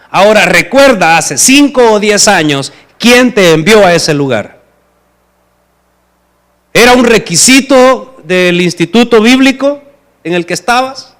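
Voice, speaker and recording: Male preacher, Salvadoran accent, higher pitch, emphatic sermon delivery. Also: a bit bright. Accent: Salvadoran Spanish. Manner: emphatic, asks the listeners rhetorical questions.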